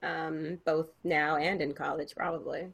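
A woman's voice: deep voice, level tone, a little slow, vocal fry, husky. A young woman co-hosting a podcast, chatting casually and rambling with many fillers and restarts. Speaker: podcast co-host. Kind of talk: casual chat.

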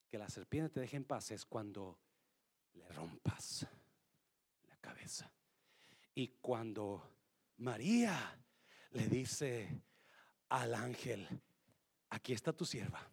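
A male pastor preaching a fervent sermon, often shouting and mixing English phrases into his speech. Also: medium pitch, sing-song, slow, gravelly, long pauses, slightly rough.

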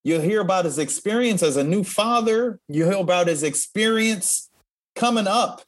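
A man's voice: sits high, lively intonation, normal speed. A man co-hosting a casual show, upbeat and playful, laughing easily with his partner. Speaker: co-host. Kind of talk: casual podcast chat.

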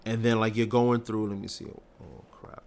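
A man's voice: on the low side, steady tone, normal speed, gravelly, a little hiss or hum. A man co-hosting a casual podcast, ranting in slangy, petty complaints. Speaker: podcast co-host. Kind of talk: casual chat.

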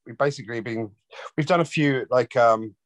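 Appearing as an interview guest, a relaxed Londoner who plays bass in a rock band talks in a casual way. He speaks at medium pitch and a moderate pace, and there's no echo.

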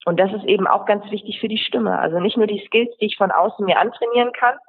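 Woman rhetoric coach, husky, explanatory, phone-thin sound, podcast interview. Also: mid-range voice, quick pace. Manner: explanatory, lists examples in runs. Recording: tinny phone-like line.

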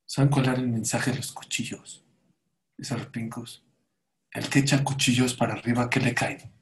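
A man's voice: medium pitch, normal speed. A man giving a sermon, telling stories and acting out the voices of the people in them. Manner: animated storyteller, acts out quoted voices. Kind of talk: sermon with storytelling.

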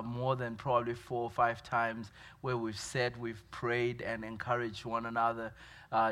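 Zimbabwean pastor with a flat delivery. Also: male voice, mid-range voice. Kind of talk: church update from the pulpit.

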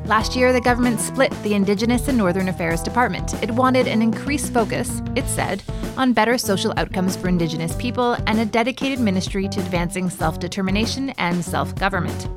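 A woman hosts a politics podcast in a clear, measured way. Her scripted lines sit over a clear music bed. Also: medium pitch. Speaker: podcast host. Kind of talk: scripted podcast narration and interviewing.

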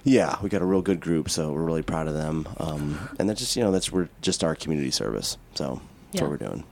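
A man's voice: extremely low pitch, animated, fairly quick, gravelly. A man co-hosting a radio podcast in a casual, tongue-in-cheek, joking way. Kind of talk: casual, joking show announcements.

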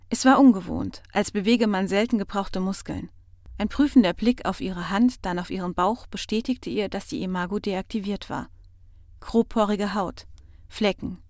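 A woman reading a science fiction audiobook in a measured, expressive narration. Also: medium pitch, no echo, studio quality. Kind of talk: scripted narration.

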